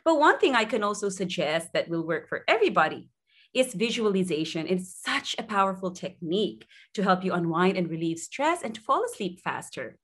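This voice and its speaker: A woman with a mid-pitched voice talks as an expert guest in a conversational interview. She explains things in an encouraging way and repeats short phrases to drive a point home. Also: big pitch swings, a little fast, fairly bright tone, breathy edge. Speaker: sleep consultant being interviewed.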